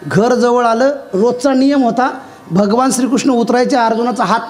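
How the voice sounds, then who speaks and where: Very high-voiced male preacher. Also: normal speed, a little mellow. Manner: humorous, asks the audience questions. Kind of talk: devotional kirtan storytelling. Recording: live with instrumental music behind.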